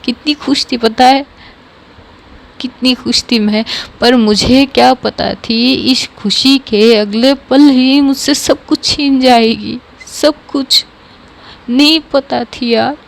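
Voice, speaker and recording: Brief: heartbroken young woman pleading through tears, slow and high-pitched, read by a woman storyteller. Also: steady tone, vocal fry, full character voice. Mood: anguished. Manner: tearful, pleading, repeating please. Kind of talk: storytelling narration.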